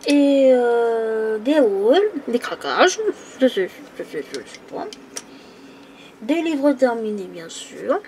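A woman's voice: fairly high pitch, animated, takes it slowly, darkish tone, a little hiss or hum. A woman in her twenties from the Île-de-France region, chatting casually and hesitantly while coloring on camera at a table, with many fillers. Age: 20s. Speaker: coloring YouTuber. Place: indoors at a table.

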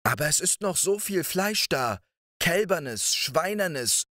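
A man doing the giant's timid, kindly wife, her voice lifted high and pleading. She is softly spoken, and the sound is close and dry. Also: animated, takes it slowly, no echo, exaggerated voice. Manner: raised, pleading tone. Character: giant's wife, kind and fearful.

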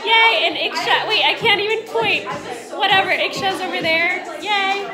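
Casting: young female vlogger, very high voice, tipsy giggly party chatter, loud music and crowd behind. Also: normal speed. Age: young adult. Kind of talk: casual vlog chat. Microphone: phone at arm's length.

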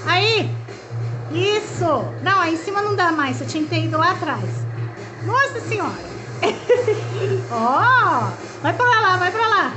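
High, excited Brazilian woman shouting encouragement. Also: a little slow. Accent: Brazilian Portuguese. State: sore throat from shouting. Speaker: vlogger. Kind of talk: cheering on a child playing a video game. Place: home living room. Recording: roomy home video with game music.

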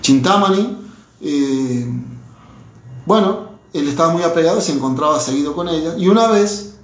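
Guy teaching a scripture class, chatty, keeps tossing in little checks, slightly high voice, echoey room. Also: animated, normal speed. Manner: conversational, frequent tag questions. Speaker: religious teacher. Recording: roomy echo.

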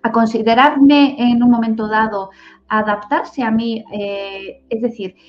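A woman's voice: a little high, fairly even intonation, unhurried, soft background music. Reflective Spanish woman counselor, lo-fi. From Spain. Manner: reflective, frequent "eh" fillers and "¿no?" tags. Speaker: pedagogue and family counselor. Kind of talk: interview answers. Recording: slightly dull lo-fi audio.

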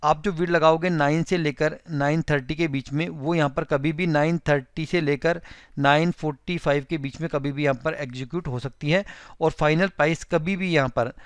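A man's voice: on the high side, fairly even intonation, moderate pace, smooth, dry recording. A man with an Indian accent hosting a finance tutorial, explaining step by step in a conversational way and addressing viewers as friends. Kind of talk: screen-recorded explainer with annotations.

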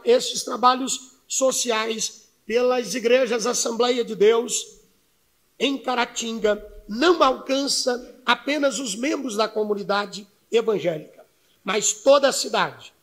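High-voiced man giving a slow formal speech. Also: a bit bright. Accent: Brazilian Portuguese, Minas Gerais. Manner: measured, solemn, reading from notes. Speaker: church pastor giving a speech. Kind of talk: formal prepared speech read at a podium. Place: city council chamber, indoors. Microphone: podium microphone.

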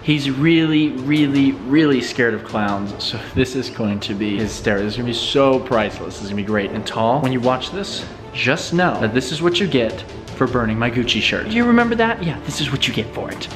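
A man's voice: mid-range voice, lively intonation, fairly quick, over music. A man in his twenties vlogging casually into a handheld camera, talking emphatically and repeating himself, a bit boastful. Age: 20s. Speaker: vlog host and prankster. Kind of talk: casual vlog chat to camera. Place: indoors in a large house. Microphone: camera held at arm's length.

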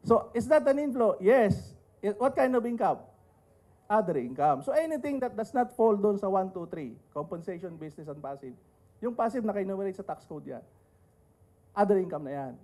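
A man's voice: high voice, big pitch swings, normal speed, mellow. Filipino man lecturing with a dry joke. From Philippines. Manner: joking asides and rhetorical questions. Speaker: tax lawyer speaking on a panel. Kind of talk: lecture to an audience, mixing Tagalog and English.

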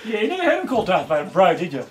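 A man chats and jokes crudely with a mate indoors. His delivery is lively and slangy, caught on a handheld camera with faint noise behind it. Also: high voice, very fast. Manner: crude, matey joking with slang. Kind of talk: casual joking chat. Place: indoors in a cluttered home dining room. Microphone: handheld camera microphone.

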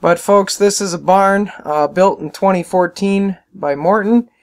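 A man casually narrating a video about his farm, plainspoken and relaxed, with frequent fillers. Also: high-pitched, measured pace.

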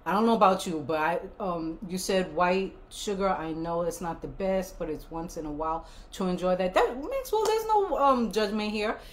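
Animated, playful woman livestream host. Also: lowish voice, moderate pace, few pauses. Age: 50s. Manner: animated, playful and emphatic, with cheering repetitions. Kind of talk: casual livestream chat.

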